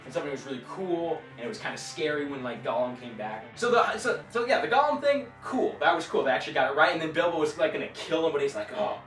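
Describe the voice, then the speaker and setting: A man reviews a film in loose, animated chat, jumping into quick acted-out bits of dialogue as he retells the scenes. His voice sits a little high and he sounds far from the mic. The room around him is echoey, with faint music playing behind. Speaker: movie reviewer. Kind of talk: casual chat.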